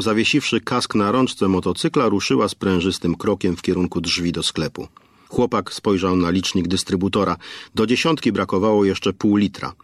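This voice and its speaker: Low-voiced male audiobook narrator. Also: dry recording, clean studio sound. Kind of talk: scripted narration.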